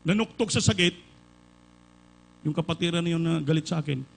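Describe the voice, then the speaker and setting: A man from the Philippines preaching a sermon, telling a story and then building to loud, fervent exhortation, slipping English phrases into his Filipino. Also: a little high, brisk, vocal fry, poor audio.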